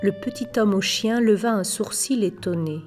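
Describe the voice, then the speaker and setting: A woman narrating a story in measured, scripted audiobook style. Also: mid-range voice, darkish tone, faint music behind.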